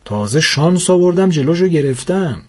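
A man narrating a first-person comic story with wry, deadpan complaints. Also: fairly high pitch, husky.

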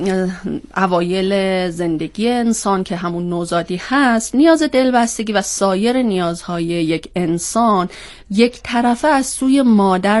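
A woman with a cold and a congested, stuffy-nosed voice, explaining step by step as a guest expert on a panel. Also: mid-range voice. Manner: throat-clearing, explains step by step with rhetorical questions. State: has a cold. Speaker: psychologist guest on a panel discussion.

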